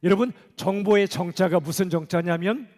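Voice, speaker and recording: Male pastor, middle-aged, high voice, conversational sermon, church hall echo. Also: moderate pace, a little mellow. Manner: conversational, asks the congregation questions. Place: church sanctuary.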